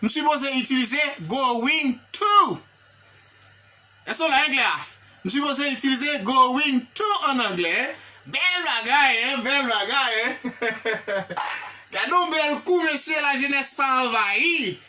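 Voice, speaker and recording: High bright Haitian-accented English teacher. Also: a little slow, distant mic. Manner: animated, repetitive, checks in with "hein?" and "vous comprenez?"; praises viewers by name. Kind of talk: live online English lesson.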